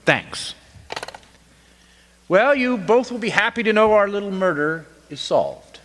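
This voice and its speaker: A man playing a deliberate, hesitant police inspector in an old-time radio mystery. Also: high voice, animated, fairly bright tone. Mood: firm. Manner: hesitant, deliberate, frequent uhs. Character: methodical male police inspector questioning suspects. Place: community theatre stage. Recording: echoey hall stage recording.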